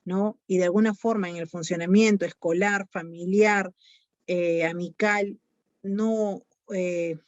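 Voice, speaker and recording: A woman's voice: fairly low pitch, steady tone, slow, no room sound. Peruvian woman psychologist, dull lo-fi sound. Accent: Peruvian Spanish. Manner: explanatory, many fillers like "eh" and "este". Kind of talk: online talk answering questions.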